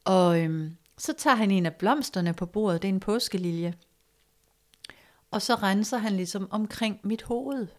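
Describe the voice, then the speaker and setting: A woman calmly telling a personal story in a casual conversation, reflective and hesitant, with fillers and soft, hushed stretches. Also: medium pitch. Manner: reflective, hesitant with fillers, drops to soft near-whisper at moments.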